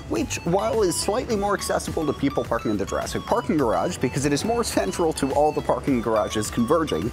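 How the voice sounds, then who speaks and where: A man hosting a vlog, chatting through a walkthrough with playful asides in an enthusiastic style. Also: a little high. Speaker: theme park vlogger, host.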